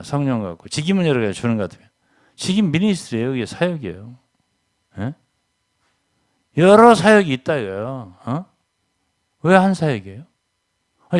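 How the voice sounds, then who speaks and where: An older man preaching a sermon as a pastor, emphatic, often checking in with the congregation with a quick question. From South Korea. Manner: emphatic, keeps asking "예?" to the congregation; swings between loud stresses and low asides.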